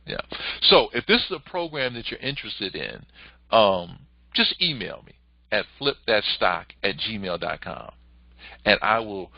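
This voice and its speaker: A man hosting a casual motivational talk, coaching would-be entrepreneurs and raising his pitch when he quotes other people. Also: a little slow, creaky, no room sound, lo-fi sound. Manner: animated, rises in pitch when quoting others.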